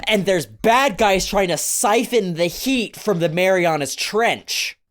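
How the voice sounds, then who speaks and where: A man's voice: high-pitched, slow, a bit bright, no room sound, clean studio sound. A man co-hosting a comedy podcast, chatting casually and pushing wild jokey ideas. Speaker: podcast co-host.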